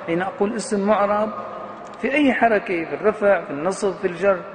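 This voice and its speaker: In a hall with long reverb and a faint hiss underneath, a professor with a high-pitched male voice races through a grammar lesson. He keeps quizzing his students and supplying the answers himself, drawing out important words to stress them.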